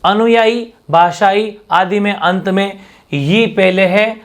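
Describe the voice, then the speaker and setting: A man teaching a fast exam-prep grammar lesson, drilling examples and asking rhetorical questions. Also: sits high.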